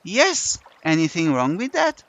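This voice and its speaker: A playful catgirl with ears and a tail, put on by a man in a storybook reading. Her high voice leaps and swoops as she teases, sly and mischievous. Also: wildly swooping pitch, unhurried, fairly bright tone, heavily acted. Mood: teasing. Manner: teasing, sly. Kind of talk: audiobook character voice.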